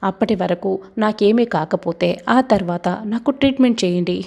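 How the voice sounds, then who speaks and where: A woman with a gravelly voice voicing a determined young woman who argues insistently in a retold serial. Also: mid-range voice, normal speed, a little mellow. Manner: insistent, reasoning.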